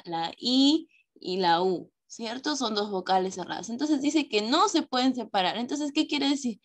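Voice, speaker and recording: A patient woman teacher with a fairly high voice. She explains slowly to her class, stressing key words and often stopping to check that everyone follows. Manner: patient, with frequent checks for understanding; affectionate diminutives, slow stressing of key words. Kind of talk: online class lesson.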